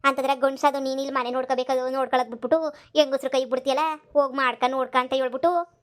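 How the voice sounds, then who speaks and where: A woman voicing a sharp-tongued young village wife who nags and scolds, for a cartoon comedy. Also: sits high, level tone, close to an everyday voice. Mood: scolding. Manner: scolding, rapid and nagging.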